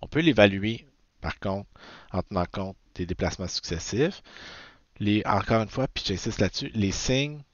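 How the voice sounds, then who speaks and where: A man's voice: on the low side, moderate pace, no echo. A man with a Québécois French accent, teaching a recorded physics lecture, often checking in with "ok?" and correcting himself as he goes. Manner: frequent "ok?" checks, self-corrections. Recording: dull, dry lo-fi sound.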